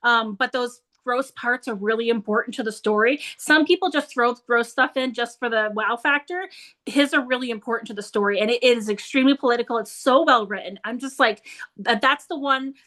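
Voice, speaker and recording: Bright, enthusiastic woman book reviewer. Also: a little high, fairly quick. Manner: enthusiastic, laughing, restarts words often. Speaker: book reviewer and book club leader. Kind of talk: casual chat about books.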